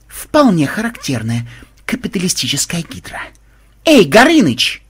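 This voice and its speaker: A man's voice: on the high side, very animated, moderate pace, fairly bright tone, pitched above the performer's own voice, heavily acted. A man voicing a grumpy, misanthropic male programmer who snaps and grumbles. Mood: gruff. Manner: gruff, snapping growls.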